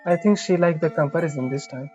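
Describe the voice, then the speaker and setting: Over game music, a game streamer reads a visual novel aloud with casual side comments, occasionally stumbling over lines. The voice is medium-pitched, fast and a little mellow, with lo-fi sound.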